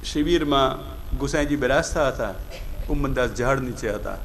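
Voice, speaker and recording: A man with a Gujarati accent preaching a devotional discourse, questioning his listeners and slowing down to stress key words. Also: medium pitch, fairly bright tone, a little hiss or hum. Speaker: Bhagavat katha preacher.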